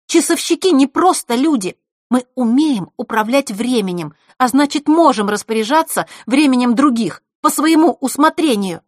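A woman's voice: a little high, lively intonation, normal speed, no echo, clean studio sound, voice pushed up. A woman voicing a proud, hot-tempered girl from a family of timekeepers, talking sharply and bossily. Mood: haughty. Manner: sharp, bossy, snorting retorts.

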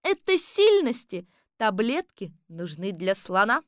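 A woman voicing an eager young female detective assistant in an audiobook, reporting excitedly. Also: mid-range voice, a little slow, dry recording, clean studio sound. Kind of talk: audiobook character voice.

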